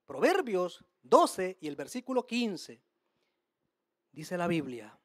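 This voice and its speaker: A woman's voice: lowish voice, big pitch swings, slow, no room sound, studio quality. A woman preaching a sermon, emphatic, asking the listeners rhetorical questions and calling them brothers and sisters. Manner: addresses the audience as brothers and sisters; streams to listeners online.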